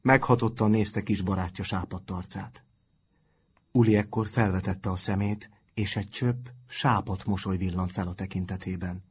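Low, husky male audiobook narrator. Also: fairly even intonation.

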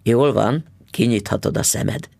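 A man's voice: medium pitch, gravelly, mellow, dry recording, lightly acted. A man doing a smug, patronizing dentist husband. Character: smug, stingy middle-aged male dentist.

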